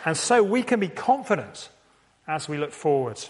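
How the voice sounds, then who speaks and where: Man preaching, low readings, raised questions. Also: sing-song, moderate pace. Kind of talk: sermon with scripture reading. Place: church meeting.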